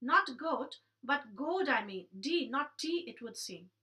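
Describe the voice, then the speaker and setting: A woman with a high, sharply bright voice recites rhyming comic verse. Her delivery is theatrical and mock-indignant, and she stresses every rhyme. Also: animated, a little slow, far from the mic.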